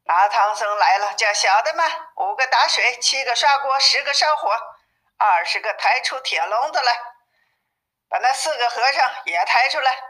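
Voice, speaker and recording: A woman reading aloud plays a boastful demon king who gloats over his captives and shouts commands. His voice sits high and bright, rising louder as he orders his minions about. He is a bossy storybook villain. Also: animated, moderate pace, poor audio. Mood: gloating. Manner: barking orders to underlings.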